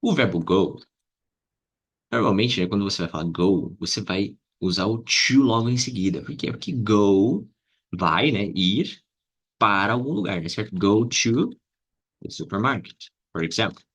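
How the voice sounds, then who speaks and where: A man teaching English with a Brazilian Portuguese accent, explaining slowly and repeating example phrases to his students. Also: fairly low pitch, expressive, fairly bright tone, slightly rough. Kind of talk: casual lesson to camera.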